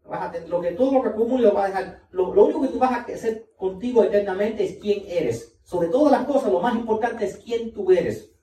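A man preaches a sermon with a mellow, darker tone, pressing his points and repeating them to the congregation. He sounds a bit off from the mic, and the room gives back a clear echo with faint noise behind him. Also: high voice, a little fast, far from the mic. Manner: emphatic, repeats key points, talks directly to the congregation. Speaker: pastor.

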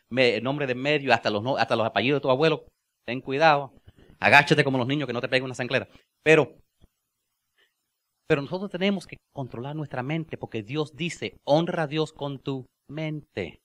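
A man preaching a sermon as pastor, with joking asides, laughter and slow, drawn-out phrases for emphasis. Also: mid-range voice, a bit bright. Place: church.

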